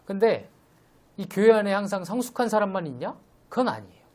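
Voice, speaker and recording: A young man giving a conversational midweek sermon, gently teasing and explaining scripture to his congregation. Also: high-pitched, sing-song, a little fast. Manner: conversational, gently teasing, acts out quoted voices. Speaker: preacher.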